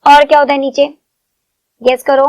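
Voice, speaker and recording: A woman's voice: high voice, little pitch movement, moderate pace, darkish tone, no echo. A woman teaching young children, coaxing answers with questions. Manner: coaxing, asks the class questions.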